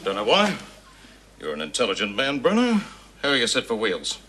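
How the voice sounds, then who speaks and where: An actor playing a brash, flirty middle-aged male car dealer with an Australian accent, loud and boastful. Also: mid-range voice, huge pitch swings, brisk. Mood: salesy. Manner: loud, boastful, leering showman. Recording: noisy TV sitcom audio, audience laughter.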